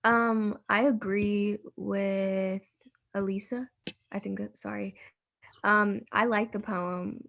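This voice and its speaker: A woman's voice: mid-range voice, fairly even intonation, drawn-out words, vocal fry. A woman student hesitantly sharing her view in an online class over a video call. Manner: hesitant, soft. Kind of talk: class discussion.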